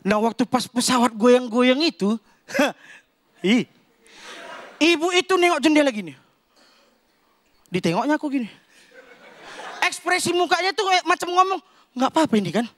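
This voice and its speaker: A man with a Medan Indonesian accent performs stand-up on stage. His voice sits high for a man, and he bursts into loud, animated punchlines while acting out the people in his stories. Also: unhurried, long pauses. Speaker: stand-up comedian. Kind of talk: stand-up routine. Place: comedy stage before a live audience.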